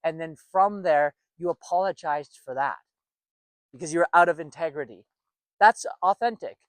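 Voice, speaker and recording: A man's voice: a little high, moderate pace, no room sound. A middle-aged man, married, talking casually as a relationship coach, repeating phrases and stressing points. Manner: conversational, repeats phrases, emphatic asides. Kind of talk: casual advice monologue.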